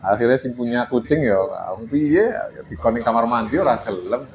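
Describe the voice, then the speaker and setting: A man's voice: mid-range voice, moderate pace. A man with a Javanese accent giving a casual religious lesson to a study group, often chuckling and acting out everyday dialogue. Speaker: religious teacher. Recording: dull lo-fi recording with faint hiss.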